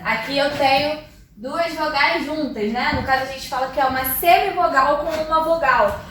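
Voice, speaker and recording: Brazilian lady teacher explaining step by step, high voice, heavy room echo, mic far away. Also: a bit bright, a little hiss or hum. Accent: Brazilian Portuguese. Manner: explanatory, checks in with tags like "tá?" and "ok?". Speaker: Portuguese teacher. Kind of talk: classroom lesson.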